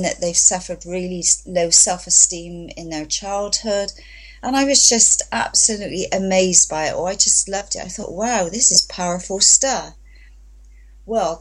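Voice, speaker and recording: A woman from England with a husky, slightly low voice tells her story as a guest in an interview. She is chatty and enthusiastic and often acts out what others said. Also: low-quality recording. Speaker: guest, voice therapy practitioner.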